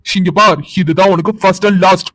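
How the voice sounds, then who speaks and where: A man's voice: high-pitched, steady tone, unhurried, a bit bright, no room sound. A man voicing a contemptuous young husband in a cartoon drama, delivering scolding tirades. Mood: scornful anger.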